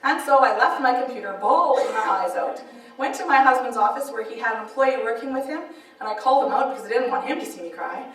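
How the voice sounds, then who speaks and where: A woman speaker sharing a personal testimony in an animated, laughing storytelling manner. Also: a little high, quick pace. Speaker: author and speaker. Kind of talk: personal testimony at a church event. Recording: echoey hall, mic far off.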